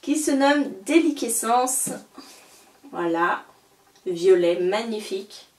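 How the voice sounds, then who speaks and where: A woman's voice: medium pitch, animated, takes it slowly. A young woman chatting casually and eagerly about books she bought, with many fillers and restarts. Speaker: book vlogger. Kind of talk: casual book haul vlog. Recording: roomy, a little far from the mic.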